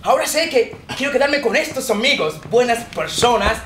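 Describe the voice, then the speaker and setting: An actor playing a naive, gentle foreign man with a foreign accent and halting, broken phrasing on stage. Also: very high voice, lively intonation. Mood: pleading, earnest. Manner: broken, halting Spanish with simple verbs. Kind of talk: live comic stage acting. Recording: roomy theatre, distant noisy capture.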